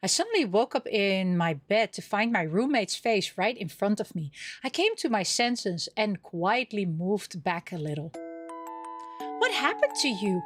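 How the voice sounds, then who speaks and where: A woman streams a visual novel, chatting casually and reading the game text aloud, reacting with small interjections. Her medium-pitched voice is lively at a moderate pace with few pauses, with game music playing behind it.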